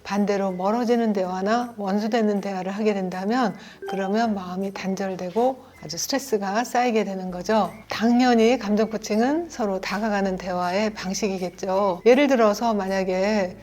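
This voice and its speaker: A middle-aged woman speaking in a calm, steady lecture voice about raising children. Her pitch sits in an ordinary middle range. Now and then she acts out short lines a parent or child might say. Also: normal speed, few pauses. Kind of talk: educational lecture video.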